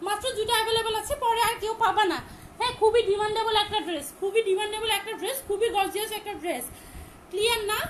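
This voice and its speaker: A woman with a Bangladeshi Bengali accent, selling dresses on a live stream, talking loudly and repeating her pitch over and over. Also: slight background noise, poor audio. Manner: loud, repetitive sales pitch. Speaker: online shop seller.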